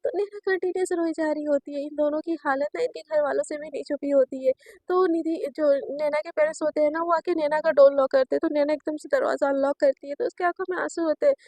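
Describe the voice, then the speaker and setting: A woman's voice: sits high, fairly even intonation, fast talker, darkish tone, dry recording. A woman narrating a romance story in a chatty, casual way, mixing in English words and talking to listeners.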